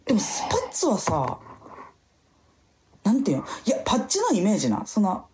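Kansai accent, woman, young adult, podcast co-host, casual chat, animated. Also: medium pitch, a little fast, a little hiss or hum. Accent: Kansai Japanese. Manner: animated, acts out quoted speech.

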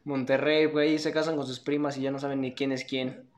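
A man's voice: medium pitch, flat delivery, fairly quick. A man co-hosting a podcast, joking in crude casual banter. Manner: jokey, acts out quotes, crude banter. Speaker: podcast co-host. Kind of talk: casual chat.

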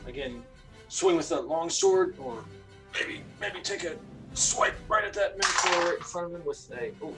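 A man playing a tabletop game, describing his character's attacks slowly, with hesitant pauses and fillers. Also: mid-range voice, vocal fry. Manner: slow, hesitant, lots of uhs. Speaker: player.

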